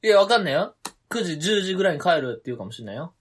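A man's voice: on the high side, very animated, rapid-fire, slightly rough. A man co-hosting a comedy duo's podcast, teasing his partner with incredulous retorts in casual banter. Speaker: comedy duo co-host.

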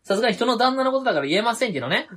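Husky-voiced man teasing his comedy partner. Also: very high-pitched, sing-song, racing, a bit bright. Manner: teasing, incredulous retorts. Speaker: comedy duo co-host. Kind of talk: casual podcast banter.

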